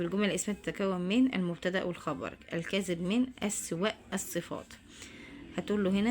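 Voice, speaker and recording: A woman's voice: on the low side, a little hiss or hum. A woman teacher with an Egyptian accent, walking students through homework answers and addressing them directly. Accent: Egyptian Arabic. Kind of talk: homework walkthrough lesson.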